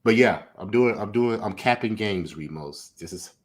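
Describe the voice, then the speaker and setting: A man chatting casually while watching a live game, halting and repeating his words as he goes. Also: fairly low pitch, lively intonation.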